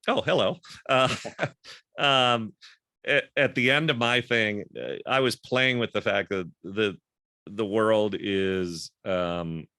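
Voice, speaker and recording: A man's voice: fairly low pitch, bright, forceful tone, smooth, no echo, clean studio sound. A man hosting a casual group discussion over a video call, rambling and thinking aloud with lots of fillers.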